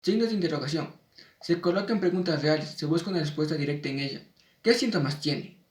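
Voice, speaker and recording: A man with a somewhat high voice reads a spelling lesson in a measured way. He slows down for the example words. He sounds a little off the mic, in an echoey room. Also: far from the mic. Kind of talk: reading a spelling lesson aloud.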